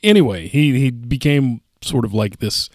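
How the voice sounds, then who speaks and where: A man's voice: mid-range voice, lively intonation, normal speed, creaky, no room sound. A man journalist in a studio, talking casually and hesitantly, searching for words with lots of fillers. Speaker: journalist on a newsroom podcast. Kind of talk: casual newsroom chat.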